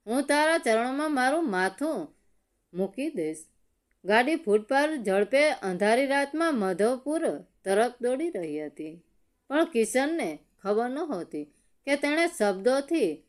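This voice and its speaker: Slow, expressive woman storyteller. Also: fairly high pitch. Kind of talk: scripted story narration.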